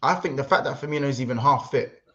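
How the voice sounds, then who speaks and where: A man hosting a casual football livestream, rambling and excitable, reading out chat messages. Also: medium pitch, fast, lo-fi sound. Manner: excitable, rambling, London slang. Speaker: livestream host.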